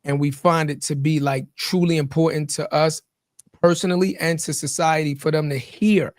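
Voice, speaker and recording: An earnest man co-hosts a casual podcast, circling back and repeating his points. His voice is fairly high, and the sound is close and dry. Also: fairly even intonation, moderate pace, no room sound. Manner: earnest, repeats himself, slangy. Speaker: podcast co-host.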